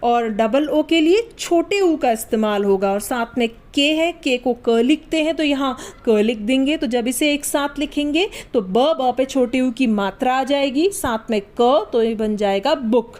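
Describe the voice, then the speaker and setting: A woman gives an online spoken English lesson at an unhurried pace. Her voice sits high, and she spells out each word slowly, letter by letter, checking that her viewers follow. She explains like a patient teacher. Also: animated, a little mellow. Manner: asks the class if it is clear.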